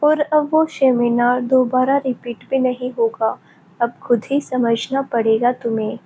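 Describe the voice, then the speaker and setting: A friendly, matter-of-fact young doctor calling a colleague in an audio story, played by a woman. The voice is higher than usual and mellow, and it moves at an unhurried pace. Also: steady tone, slight background noise, natural voice, low-quality recording.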